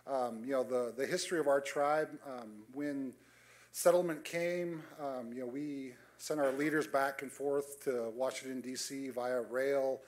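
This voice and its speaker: Man moderating a panel, monotone and dry. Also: mid-range voice, a little slow. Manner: self-described monotone, dry humor; reflective, many fillers. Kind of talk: conference panel remarks. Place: conference hall stage.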